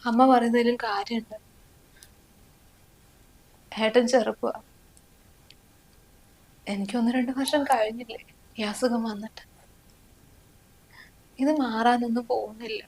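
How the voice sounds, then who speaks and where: A young woman playing an ill, gentle wife, speaking softly through tears in a family short film. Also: a little high, unhurried, pauses often, poor audio. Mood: tearful. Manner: soft, pleading, flat delivery. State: crying.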